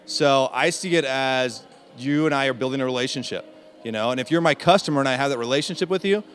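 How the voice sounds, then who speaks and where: A man talking as an interview guest in a casual conference chat, with many fillers and halting restarts. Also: mid-range voice, fairly bright tone. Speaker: interview guest, in-house SEO specialist.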